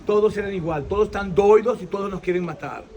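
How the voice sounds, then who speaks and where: Venezuelan man, 60s, animated storyteller on an outdoor interview with a noisy background, slightly high voice. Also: fast talker. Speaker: interviewee giving his faith testimony. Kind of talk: animated personal testimony.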